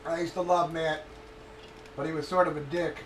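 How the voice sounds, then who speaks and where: A man's voice: fairly high pitch, level tone, normal speed, a little hiss or hum. A man streaming casually, telling a rambling, profane story and stalling as he gropes for names. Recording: echoey room with faint ambience.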